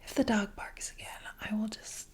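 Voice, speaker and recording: A woman whispering an informal, rambling ASMR chat close to the microphone, with halting asides. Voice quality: soft unvoiced whisper. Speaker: ASMR video creator. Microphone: close external microphone plugged into phone.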